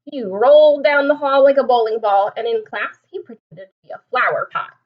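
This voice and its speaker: Her voice is somewhat high and fairly quick, and the audio sounds dull. Acting as teacher to young children, she reads a picture book aloud in an animated way, explaining expressively and posing questions to them.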